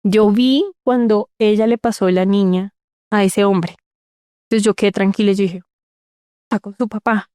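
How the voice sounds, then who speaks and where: A woman's voice: medium pitch, steady tone, normal speed, dark tone, clear, resonant tone, no room sound, studio quality. A woman, telling her own story in an interview, earnest and repeating words for emphasis. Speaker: interview guest. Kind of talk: personal storytelling in conversation.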